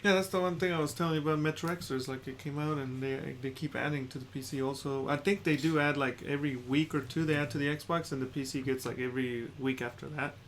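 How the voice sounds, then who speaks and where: A man's voice: on the high side, steady tone, quick pace, hardly any pauses, fairly bright tone, slight background noise. A man co-hosting a podcast in a laid-back, chatty way, laughing often. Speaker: podcast co-host. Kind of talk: casual chat. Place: home room.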